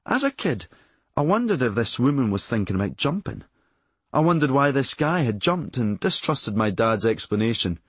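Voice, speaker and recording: A husky-voiced man from Glasgow, Scotland, who is both author and audiobook narrator, reads his memoir at a moderate pace. His humor is deadpan and dry, though his pitch swings in lively ways. The recording is dry, with no room echo.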